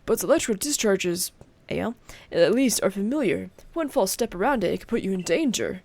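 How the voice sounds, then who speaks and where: A calm middle-aged train conductor from a video game, speaking steadily, read by a female streamer in her own voice. The reading is plain and even, with little put-on. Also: mid-range voice, a little fast, vocal fry, dry recording.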